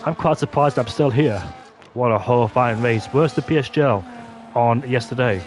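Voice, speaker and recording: A man with a medium-pitched voice commentates on sim motorsport. He calls the action play-by-play in an excitable manner, exclaiming at what he sees. Racing game engine noise is heard faintly but clearly behind him. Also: normal speed.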